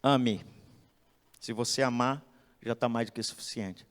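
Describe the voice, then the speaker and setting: A man's voice: medium pitch, unhurried. A man, preaching animatedly in a church and often asking "entende?". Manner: animated, acts out quotes, asks "entende?". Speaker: pastor giving a talk. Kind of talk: expressive sermon-style lecture. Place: church hall. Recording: echoey church hall.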